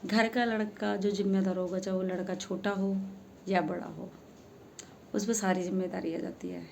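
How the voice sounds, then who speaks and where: A woman's voice: mid-range voice, level tone, normal speed, vocal fry, a little mellow, a little hiss or hum. A woman telling an earnest, emphatic story to her followers, asking rhetorical questions as she goes. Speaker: social media creator. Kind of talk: heartfelt storytelling monologue.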